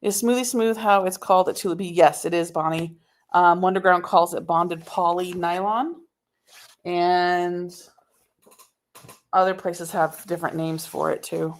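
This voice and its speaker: A woman's voice: on the low side, steady tone, measured pace. A woman hosting a live sewing tutorial, chatting casually and answering viewer comments as she works, recorded on a laptop microphone in a home sewing room. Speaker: sewing instructor.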